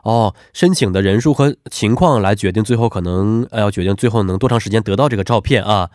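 A man's voice: lowish voice, quick pace, darkish tone, studio quality. A man with a congested, stuffy nose hosting a radio phone interview in a polite, attentive manner. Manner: polite, attentive, echoes answers back. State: allergic rhinitis. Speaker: radio host.

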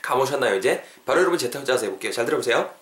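Man, podcast English teacher, slow drilled repetition, mid pitch, roomy echo. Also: lively intonation, a bit bright. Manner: explanatory, repeats phrases slowly for drilling.

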